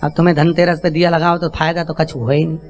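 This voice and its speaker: A man's voice: fairly high pitch, flat delivery, quick pace, soft background music. A man giving a devotional sermon, emphatic, calling out questions to his listeners. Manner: emphatic, calls out to the audience. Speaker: preacher telling a scripture story.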